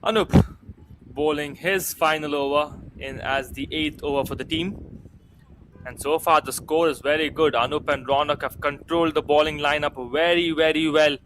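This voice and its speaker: A man's voice: a little high, level tone, moderate pace, a bit bright, a little hiss or hum, poor audio. A man with an Indian accent giving live cricket commentary in formal, announcer-like phrasing.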